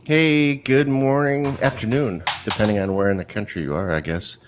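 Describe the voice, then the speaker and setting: Low-voiced man, easygoing editor. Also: steady tone, moderate pace, background noise. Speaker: website editor. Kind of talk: casual panel chat.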